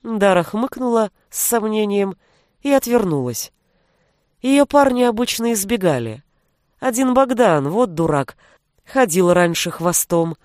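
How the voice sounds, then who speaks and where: A woman narrating a fantasy audiobook in an even storytelling voice. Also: mid-range voice, unhurried, no echo, clean studio sound.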